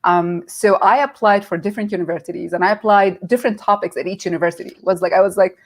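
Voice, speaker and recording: A middle-aged woman from Nazareth, a guest in a casual interview, tells her career story. Her voice is lowish and she talks fast. She's animated, acting out quoted voices as she goes.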